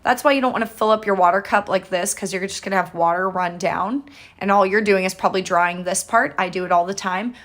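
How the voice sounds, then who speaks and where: A woman's voice: medium pitch, fairly quick, fairly bright tone. A woman giving a casual, step-by-step painting tutorial as the instructor, chatty and informal, with an encouraging way of talking.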